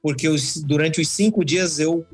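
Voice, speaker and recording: A man's voice: on the high side, moderate pace, slightly rough, no echo, faint music behind. Male guest, chatty and digressive, light voice, dry close recording. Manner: rambling, storytelling, folksy asides. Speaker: podcast guest, traveler. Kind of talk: casual podcast chat.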